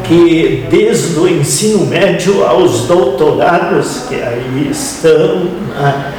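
Slow, deliberate southern Brazilian man, very echoey. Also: fairly high pitch. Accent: southern Brazilian, Rio Grande do Sul. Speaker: interview guest, family farmer. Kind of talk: reflective storytelling in an interview. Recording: very echoey hall, distant mic, crowd murmur.

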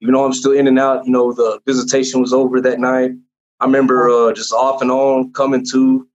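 A man's voice: mid-range voice, flat delivery, fairly quick. Earnest man, dull lo-fi audio. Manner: earnest, rambling, with many fillers and restarts. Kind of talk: personal testimony in casual conversation. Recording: dull lo-fi sound.

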